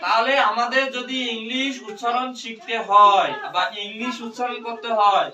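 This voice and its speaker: A male teacher drilling his class call-and-response, repeating questions loudly to the pupils. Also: extremely high pitch, steady tone, normal speed, muffled recording. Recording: echoey classroom, distant mic, loud noise.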